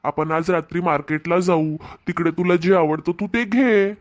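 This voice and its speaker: A man voicing a scheming, two-timing husband who placates his wife and flatters his girlfriend, with a Marathwada Marathi accent. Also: high-pitched, normal speed, close to an everyday voice. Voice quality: smooth-talking, placating.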